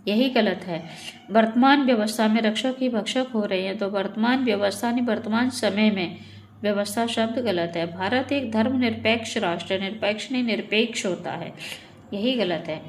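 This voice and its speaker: A woman's voice: on the high side, slight background noise. A woman teaching Hindi grammar in a methodical way, reading each sentence and then correcting it. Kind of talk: online exam-prep lesson.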